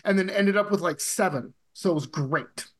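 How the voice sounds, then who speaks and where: High-voiced chatty man. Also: normal speed, slight background noise. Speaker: game player, podcast guest. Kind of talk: casual chat.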